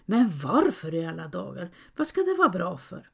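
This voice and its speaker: A woman's voice: lowish voice, very animated, vocal fry, a bit bright, slightly rough, full character voice. A woman voicing an anxious, flustered peasant mother who talks in a fretful, pleading way.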